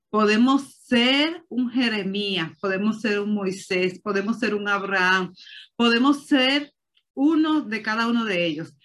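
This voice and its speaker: Earnest woman preaching, halting delivery. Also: on the high side, a bit bright. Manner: repeats "o sea" often, halting restarts; earnest, exhorting. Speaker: church speaker. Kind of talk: sermon.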